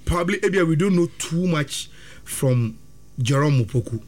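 An excitable man with a Ghanaian accent breaks down a football team's chances, talking fast and climbing into bursts. His voice sits high and swings widely up and down as he works himself up. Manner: excitable, rapid, rising to high-pitched bursts. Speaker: football pundit. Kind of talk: animated sports talk mixing Twi and English.

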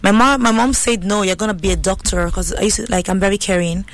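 A fast-talking woman with a mid-range voice, from Italy and a native Italian speaker, speaks English with a Nigerian-tinged accent. She's a guest musician in a casual interview, chatting playfully and confidently and laughing often.

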